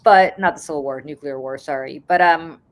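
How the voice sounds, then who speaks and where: A Russian-born woman in her forties hosts a podcast, chatting casually and laughing through her stories. Her voice sits low and she talks fairly quickly.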